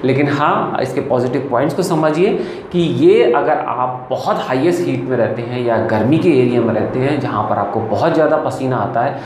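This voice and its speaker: A man's voice: medium pitch, normal speed, darkish tone. A man in his thirties, a psychologist, explaining clothing advice casually to camera from a small clinic room. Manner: explanatory, gestures a lot with his hands. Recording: echoey room with faint ambient noise.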